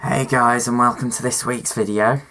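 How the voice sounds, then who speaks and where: A man's voice: medium pitch, fairly even intonation, normal speed, over music. A young man, sick with a cough and sore throat, chatting casually to camera in a rambling, self-mocking way. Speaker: vlogger. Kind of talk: casual vlog chat.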